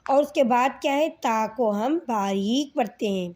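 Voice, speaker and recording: A woman with a Pakistani accent gives a reading lesson to children. Her voice sits high and bright, and she speaks slowly, drawing out each letter sound and often asking whether the class has understood. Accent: Pakistani Urdu. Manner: slow, patient, repeats sounds and asks "okay children?". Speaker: Quran reading teacher.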